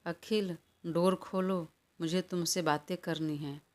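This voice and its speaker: Woman doing a stubborn hotheaded young woman, low voice, slow and demanding, storybook read. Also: fairly even intonation, a little mellow. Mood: angry. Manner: quarrelsome, demanding.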